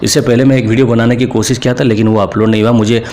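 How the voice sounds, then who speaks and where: A man's voice: medium pitch, level tone, racing, darkish tone, slight background noise. A man with an Indian accent, a spiritual teacher, giving an earnest, informal spoken lesson to camera and often repeating himself. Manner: earnest, repetitive, mixes English words into speech.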